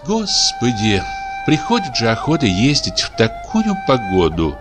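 Man putting on a calm, sly deacon's wife. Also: mid-range voice, a little slow, music in the background. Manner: quiet, calm, dismissive.

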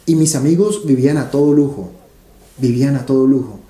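A man's voice: mid-range voice, a little fast, dark tone, reverberant. A man, an interview guest telling stories animatedly and repeating phrases for emphasis. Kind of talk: conversational interview storytelling.

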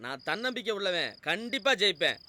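A man's voice: sits high, sing-song, a little fast, bright, forceful tone, full character voice. An actor playing a stubborn, sarcastic young man who brushes off marriage and bosses his workers, on a noisy track. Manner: sarcastic, curt. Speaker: film hero, factory boss. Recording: noisy film soundtrack.

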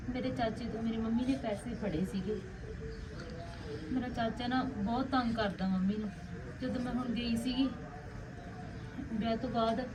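A woman's voice: a little high, distant mic, background noise, lightly acted. A young actress playing a worried newlywed Punjabi woman who confides her troubles.

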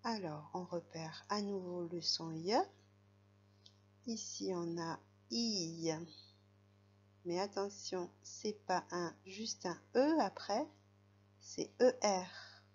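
A woman's voice: lowish voice, takes it slowly, long pauses, a little mellow, dull audio. A woman teaching a young child to read, patiently spelling out letters and sounds. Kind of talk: reading lesson for a young child.

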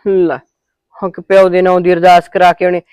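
A woman plays a sharp-tongued mother-in-law who meets every remark with sarcasm and scolding. The recording is close and dry. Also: on the low side, flat delivery, moderate pace, smooth, dry recording, natural voice. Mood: taunting. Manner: taunting, sarcastic. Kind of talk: amateur short-film acting.

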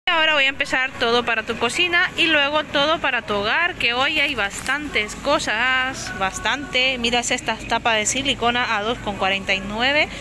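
Her pitch is high and her pace moderate, with few pauses and some background noise. She's a vlogger walking through a big discount supermarket with her phone, casually narrating prices and sizes, catching her own mistakes, while music plays beneath her voice.

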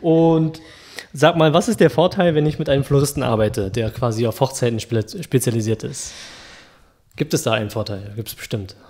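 A man's voice: mid-range voice, normal speed, a little mellow. A man co-hosting a wedding podcast, asking short, friendly questions.

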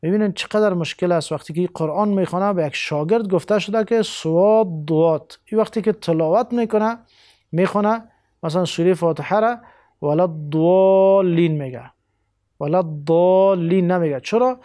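A man with an Afghan Dari accent giving a televised Quran lesson, spelling letters out slowly and pausing often. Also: sits high, a little mellow, no room sound, studio quality. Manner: deliberate, spells out letters slowly, many hesitations. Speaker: Quran teacher.

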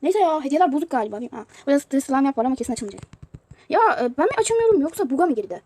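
A woman's voice: sits high, big pitch swings, racing, mellow. A woman giving casual commentary on a mobile game she is playing, chatty and prone to exasperated outbursts. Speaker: youtuber showing a mobile game.

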